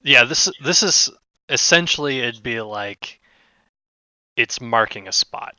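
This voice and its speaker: Slow, hesitant man running a tabletop game. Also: mid-range voice, lively intonation, bright, forceful tone, clean tone, dry recording, dull audio. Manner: hesitant, many fillers, searching for words. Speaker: game master.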